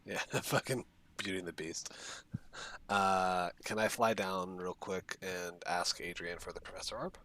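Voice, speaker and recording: A man with a very low voice chatting as a player in a tabletop game. He is casual, swears and jokes with the others. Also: fairly even intonation, measured pace, bright, forceful tone.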